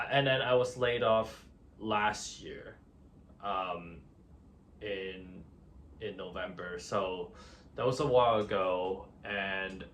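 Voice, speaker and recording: 30s guy from hong kong vlogging, kinda low voice, lots of uh and you know, bit of background hiss. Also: a bit bright. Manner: hesitant, many fillers and restarts. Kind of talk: casual self-introduction to camera.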